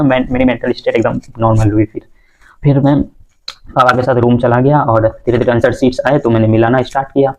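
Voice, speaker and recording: A man's voice: mid-range voice, darkish tone, rough recording. A young man telling the story of his entrance exam day in a casual, hesitant way, with many fillers and restarts. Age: young adult.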